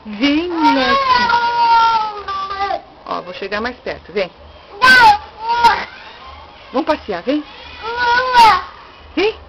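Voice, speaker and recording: A woman's voice: fairly high pitch, big pitch swings, drawn-out words, pauses often, muffled recording. An older woman with a Brazilian accent, a grandmother coaxing a toddler to walk at home with repetitive, sing-song urging. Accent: Brazilian Portuguese. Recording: home video with loud background noise.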